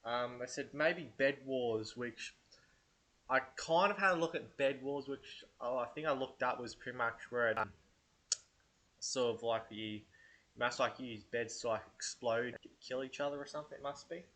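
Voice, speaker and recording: A gaming channel host with a head cold talks casually and hesitantly through ideas for a game video, full of fillers and restarts, in unscripted commentary. His mid-range voice has a sharp tone and a normal speed.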